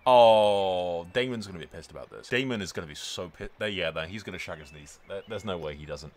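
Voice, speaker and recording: In a low voice and a little fast, a man creating gaming videos delivers casual, sweary let's play commentary over slight background noise. He narrates the story in mock-grand announcer phrases and repeats himself for emphasis.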